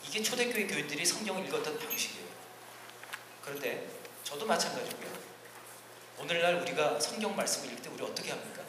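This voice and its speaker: In a large church hall, a fairly high-voiced male pastor delivers an earnest teaching sermon, talking fast with long pauses. He swings between forceful, emphatic rises and quiet asides. The very reverberant recording has a long hall tail, steady background hiss, and distant ambient noise.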